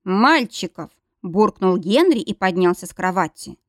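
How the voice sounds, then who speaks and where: A woman narrating a story with lively, widely moving pitch and an expressive delivery. Her voice sits in a middle range. The recording is dry and close. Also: moderate pace, no echo. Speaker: audiobook narrator.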